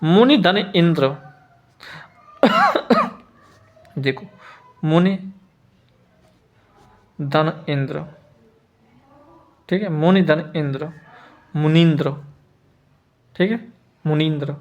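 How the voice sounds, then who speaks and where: Male teacher, a little high-pitched, patient and repetitive, drilling spelling rules. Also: lively intonation, dull audio. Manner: repeats each word slowly, asks students if they follow. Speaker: Hindi teacher. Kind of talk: spelling lesson.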